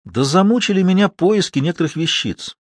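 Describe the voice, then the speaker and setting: A man's voice: high-pitched, animated, brisk, breathy edge, no room sound, voice pushed up. A weary police investigator in an audiobook, matter-of-fact and earnest, as the male narrator reads him. The voice stays close to the narrator's own, dry and near the mic.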